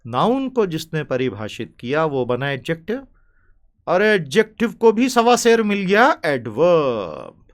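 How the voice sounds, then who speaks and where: A man with an Indian accent teaching English vocabulary, chatty and playful, slowly stretching out the key words. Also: a little high, very animated. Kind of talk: spoken vocabulary lesson.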